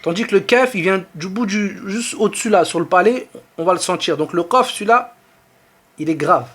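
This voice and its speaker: A man with a high, light voice and a French accent teaches the Arabic alphabet. He talks patiently, sounds out each letter and vowel slowly, and circles back to repeat them. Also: a bit bright, husky. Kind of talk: online lesson.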